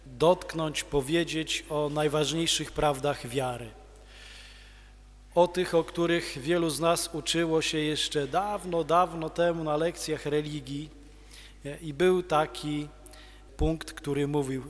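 A man preaching a homily as a priest, slow and measured with pauses. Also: a little high, a bit bright. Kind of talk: sermon. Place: church. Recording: long church reverb.

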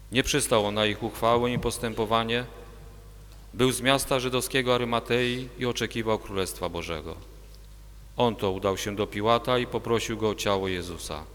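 Male narrator for a church reading, steady, long reverb. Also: lowish voice. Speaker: narrator of the Passion. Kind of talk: liturgical reading.

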